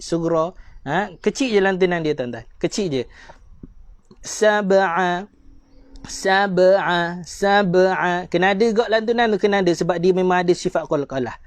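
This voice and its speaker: A man's voice: sits high, a little fast, no echo. A man with a Malaysian Malay accent teaching Quran recitation in a live-streamed lesson, addressing his viewers politely and drawing out letter sounds to demonstrate them.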